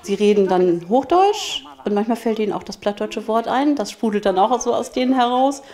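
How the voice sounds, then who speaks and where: A woman kindergarten educator speaking in a lively, amused way in a documentary interview. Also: a little high, normal speed.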